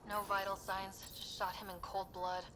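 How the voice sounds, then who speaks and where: A resolute female recon specialist in a video game , voiced by an actress. She is composed and conciliatory, with a middling pitch. Clear ambient noise runs behind her voice. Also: monotone, moderate pace, lightly acted. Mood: sober. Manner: composed, purposeful.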